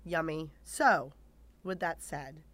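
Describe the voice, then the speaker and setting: A woman's voice: sits low, slow, dry recording. A woman hosting a podcast interview, enthusiastic and chatty. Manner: enthusiastic, animated, lots of fillers. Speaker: podcast host.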